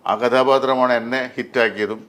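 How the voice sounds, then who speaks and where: A middle-aged man, a dubbing artist, talking in an interview with many pauses and fillers. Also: mid-range voice, fairly even intonation, a bit bright. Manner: hesitant, many fillers and restarts. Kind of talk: interview conversation.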